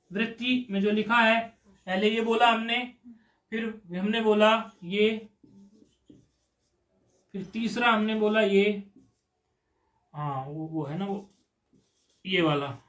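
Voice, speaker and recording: A man teaching a Sanskrit grammar class, chanting rules slowly and drawing answers out of his students. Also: very high-pitched, fairly bright tone. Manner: drawn-out chanting of sutras, coaxing questions to students. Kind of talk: classroom lecture explaining a grammar rule. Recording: echoey room.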